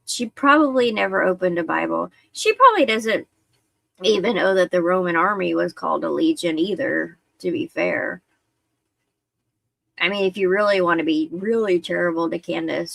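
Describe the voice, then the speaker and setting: A woman's voice: lowish voice, animated, normal speed, creaky, a bit bright, dry recording. A woman hosting a livestream, chatting casually and rambling with lots of fillers. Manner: rambling, conversational, with many fillers. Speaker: livestream host.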